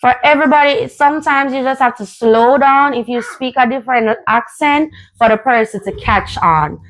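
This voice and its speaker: A woman from Jamaica with a Jamaican accent, hosting a casual conversation in a relaxed, chatty way with frequent ums. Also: sits high, normal speed, poor audio. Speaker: host.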